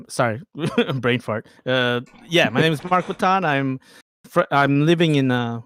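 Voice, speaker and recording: A man from the United States co-hosting a casual chat, easygoing and halting, with many fillers. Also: medium pitch, fairly bright tone, clear, resonant tone. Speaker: co-host.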